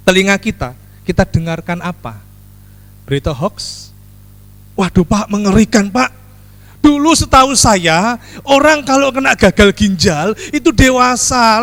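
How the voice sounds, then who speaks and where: A pastor preaching a lively, joking sermon, acting out small scenes and calling for amens. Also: male voice, extremely high pitch. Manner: lively, joking, acts out little scenes, asks congregation for amen. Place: church sanctuary. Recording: long hall reverb.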